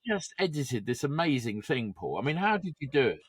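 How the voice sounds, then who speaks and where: A middle-aged man with a mid-range, husky voice co-hosts a podcast, speaking a little fast with big pitch swings. He chats casually, rambling and digressing through heavy doses of music trivia.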